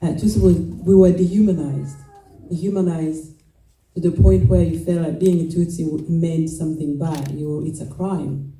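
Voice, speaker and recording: A woman of about forty speaks English with a Rwandan accent and a very dark, mellow tone. She tells her story haltingly, with pauses and restarts. The sound is roomy and picked up from some distance. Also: sits low, steady tone. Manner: halting and reflective, with many pauses, fillers and restarts. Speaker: genocide survivor giving a testimony. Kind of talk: personal testimony talk. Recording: roomy echo, mic at a distance.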